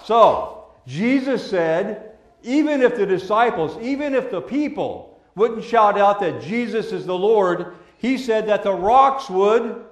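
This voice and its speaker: A man acting as a pastor delivers a children's sermon, gentle and patient like a Sunday school teacher, using simple words and questions. His voice is high, expressive and slow, and the room is echoey.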